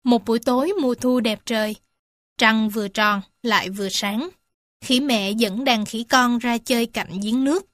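A woman reading animal stories and facts aloud to young children, gentle and addressing them warmly as little ones. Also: a little high, steady tone, moderate pace, no echo, clean studio sound. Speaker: storyteller for children. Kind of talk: children's storybook narration.

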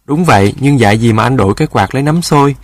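A man's voice: medium pitch, animated, fast talker, dry recording. A man voicing a proud, friendly boy of about twelve in a storybook, a bit boastful. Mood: cocky.

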